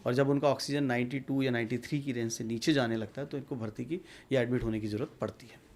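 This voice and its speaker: Male doctor guest, gravelly voice, measured explainer. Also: mid-range voice, fairly even intonation, darkish tone. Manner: measured, explanatory, mixes English terms. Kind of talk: medical interview answers.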